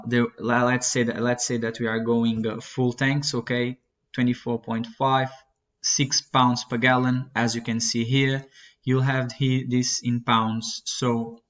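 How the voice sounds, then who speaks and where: A young man teaching a flight-prep lesson as he works through a chart, talking in a halting way with many fillers and self-corrections. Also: mid-range voice, fairly bright tone. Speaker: flight instructor. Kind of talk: screen-recorded lesson walkthrough. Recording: dull lo-fi sound.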